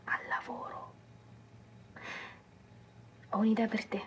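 A woman's voice: takes it slowly, natural voice. An actress playing a young woman photographer who pleads with her boss and whispers playfully on the phone. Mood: whispered. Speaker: film character Alice, a photographer. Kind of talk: film dialogue. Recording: film soundtrack with faint background noise.

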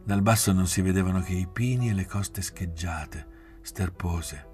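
A man reading a novel aloud in a measured, restrained way, often sinking to a near-whisper. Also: low-pitched, darkish tone, faint music behind. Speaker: audiobook reader. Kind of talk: literary audiobook narration.

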